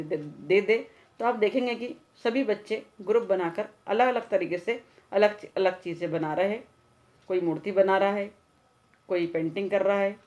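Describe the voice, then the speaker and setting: A woman's voice: medium pitch, darkish tone. A woman teacher lecturing trainee teachers, explaining each point and repeating key ideas with English terms mixed in. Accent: Indian Hindi. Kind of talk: Hindi classroom lecture.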